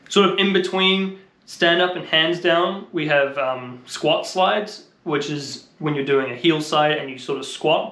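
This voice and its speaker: A longboarding instructor and video host gives an unscripted, casual explainer, thinking aloud in an informal, slightly hesitant way. His fairly high voice sounds pushed and bright, in a roomy, echoing recording.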